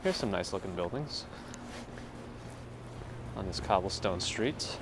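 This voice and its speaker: A man from New York live-streams a walking tour on a wintry city street, chatting easily with viewers as he goes. His voice is low and unhurried. A gimbal-mounted phone mic picks him up along with clear street and traffic noise.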